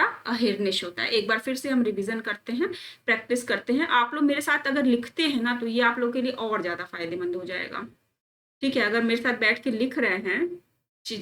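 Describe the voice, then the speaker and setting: A young woman teacher, drilling exam spellings by repeating each word slowly. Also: on the high side, a bit bright. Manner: calls students friends and children, coaxing. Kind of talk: exam-prep spelling lesson.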